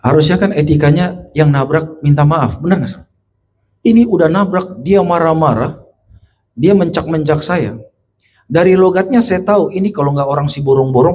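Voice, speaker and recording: A male pastor preaching a sermon to a congregation, asking them questions, and moving between loud emphatic lines and quiet, low storytelling. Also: a little hiss or hum. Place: church.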